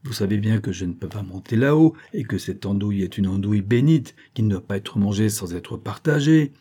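A man's voice: lowish voice, expressive, brisk, warm tone, slightly rough. A man voicing a crafty, greedy male fox who coaxes and pleads with veiled threats in a storybook reading. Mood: pleading. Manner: coaxing, insistent, with veiled threats.

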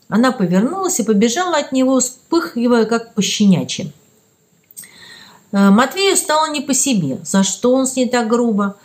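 A woman narrating a children's story as an audiobook, reading in an expressive storytelling way. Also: a little high.

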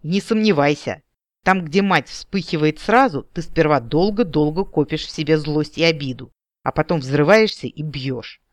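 A man's voice: fairly high pitch, normal speed, no room sound, close to an everyday voice. A man voicing a teasing, ironic elder brother talking on the phone in an audiobook. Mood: mocking. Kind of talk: audiobook character voice.

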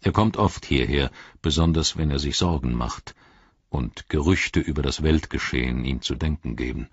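A man voicing a wise, wry old male wizard in an audiobook, speaking in a measured, solemn way. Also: extremely low pitch, slightly rough, no echo, lo-fi sound, heavily acted. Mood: grave. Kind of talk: audiobook reading.

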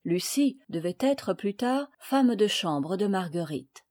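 A woman reading a children's novel aloud, with clear, expressive narration. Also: medium pitch, slow. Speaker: audiobook reader. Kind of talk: storybook reading.

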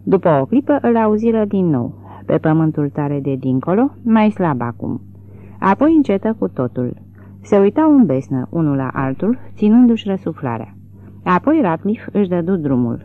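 Expressive audiobook narrator, tinny sound. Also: mid-range voice. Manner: expressive, dramatic reading. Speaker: audiobook reader. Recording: tinny phone-like narrow sound.

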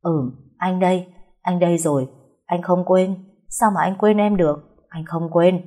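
A tender young man, newly awake after a long coma, speaks in a quiet, trembling murmur, as a woman reading a story puts him on. The voice is husky and dark. It stays soft and close. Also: lowish voice, a little slow.

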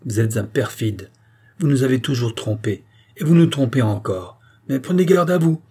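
A man voicing a burly butcher who booms accusations at a king in a storybook reading. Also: steady tone, moderate pace, warm tone, husky. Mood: menacing. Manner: booming, accusing, commanding. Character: loud threatening butcher, burly man with a booming voice.

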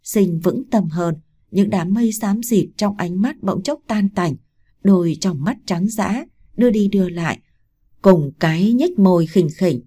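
Dark-toned woman narrating a horror story. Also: mid-range voice, expressive, unhurried, husky.

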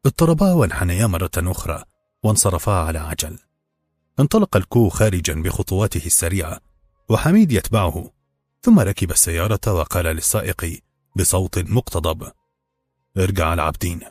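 Low-pitched male audiobook narrator, steady and measured, dry close sound, soft music bed. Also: no room sound. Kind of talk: scripted novel narration.

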